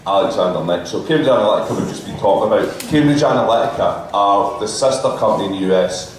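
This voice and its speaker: A man's voice: lowish voice, fast talker. A man talking informally as a panelist at a live show, explaining things with casual swearing. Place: live stage in a club venue. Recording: very echoey venue, distant mic, faint noise.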